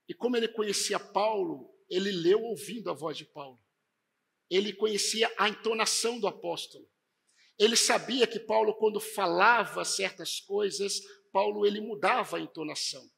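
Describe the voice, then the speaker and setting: A man delivers an emphatic church sermon, his high voice gravelly and strained. The tone is bright and sharp, with a husky edge. He swings his intonation from hushed to forceful. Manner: emphatic preaching, varied intonation. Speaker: pastor.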